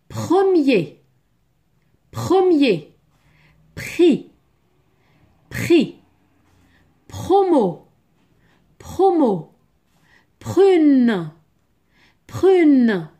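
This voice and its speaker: A woman teaching French pronunciation, repeating each syllable slowly and clearly in a drilled lesson. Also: high voice, dark tone.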